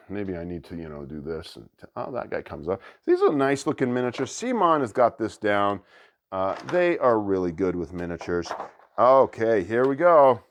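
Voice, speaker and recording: A man hosting a board game channel, chatting excitedly as he unboxes a new game and thinks aloud. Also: fairly low pitch. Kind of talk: casual unboxing commentary.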